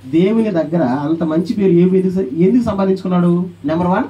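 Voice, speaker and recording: A man preaching a sermon as pastor, animated, calling on the congregation to answer aloud and acting out quoted voices. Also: sits high, fast, far from the mic, muffled recording.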